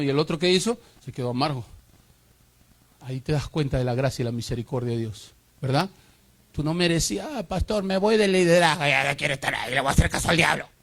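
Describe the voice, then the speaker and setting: A male pastor preaching a sermon with call-and-response and rhetorical questions. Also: a little high.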